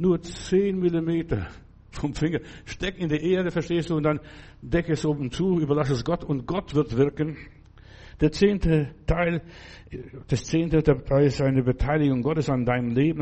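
A man's voice: a little high, dark tone. A man preaching a sermon in a fervent, exhorting way, speaking directly to the listener.

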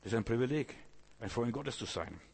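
A man's voice: mid-range voice, lively intonation, a little fast, vocal fry, darkish tone, breathy edge. A man preaching a sermon, speaking directly to the listener and telling stories from scripture. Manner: addresses listener directly, storytelling, voices quoted figures.

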